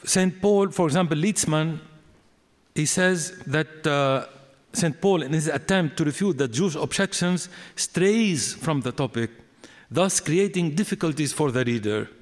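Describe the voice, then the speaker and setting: A man giving an academic lecture on scripture, deliberate and explanatory, with fillers and restarts. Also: on the high side. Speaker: biblical studies lecturer. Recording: long hall reverb.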